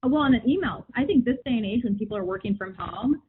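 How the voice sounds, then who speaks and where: Husky woman hosting a podcast, sounds like she's on a phone line, a bit high, upbeat. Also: expressive, fast talker, a little hiss or hum. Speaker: podcast host. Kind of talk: casual conversational podcast.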